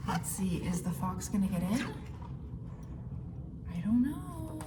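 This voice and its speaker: A woman with a mid-range voice reads a picture book to young children slowly and very animatedly, using simple phrasing, exaggerated suspense, and questions for her listeners. The recording is roomy with a distant mic and clearly noisy background.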